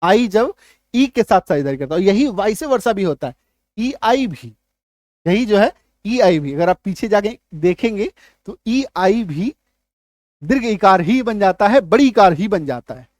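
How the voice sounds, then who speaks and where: An animated man with a high but darkish voice explains English spelling rules at a classroom whiteboard in an unhurried way. He spells out words one letter at a time, frequently asks if students follow, and answers his own questions to repeat key points. The recording is clean studio sound without echo.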